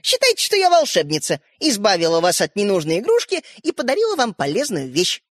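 A woman reader voicing a cheerful, bossy schoolgirl who talks in bright, teasing tones. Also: medium pitch, huge pitch swings, fairly quick, dry recording, clean studio sound. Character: cheerful know-it-all schoolgirl, bossy older sister.

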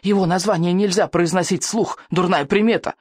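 A man voicing a frail, gloomy old male elder with a creaky, wavering voice who frets over bad omens. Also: sits high, steady tone, a little fast, no room sound, clean studio sound, pitched above the performer's own voice. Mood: fretful.

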